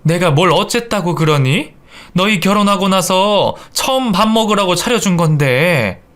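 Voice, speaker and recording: A man's voice: high-pitched, animated, normal speed, fairly bright tone, voice pushed up. A man voicing an indignant middle-aged mother-in-law in a radio drama, scolding sharply. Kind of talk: Korean radio drama acting.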